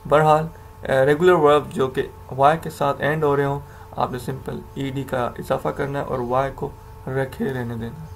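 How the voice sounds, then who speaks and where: A man's voice: medium pitch, little pitch movement, moderate pace, slight background noise. A man teaching English grammar to learners, patiently explaining rules, repeating examples and correcting himself as he goes.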